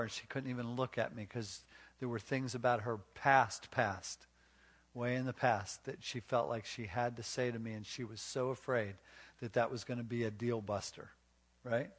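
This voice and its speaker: A man preaching on marriage to a live congregation. He tells folksy stories full of restarts and asks the crowd questions. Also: mid-range voice. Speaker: pastor.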